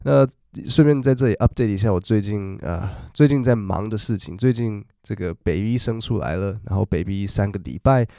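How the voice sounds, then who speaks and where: A man's voice: fairly low pitch, moderate pace, vocal fry, few pauses, warm tone, no echo, studio quality. A man, hosting a casual, chatty podcast about work English. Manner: chatty, storytelling, acts out quoted voices. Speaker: podcast host teaching English. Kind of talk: casual chat.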